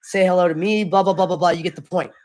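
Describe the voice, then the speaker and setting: A man's voice: high voice, fairly even intonation, fast, a little mellow. A young man streamer chatting casually with his live chat, loose and slangy, often apologizing.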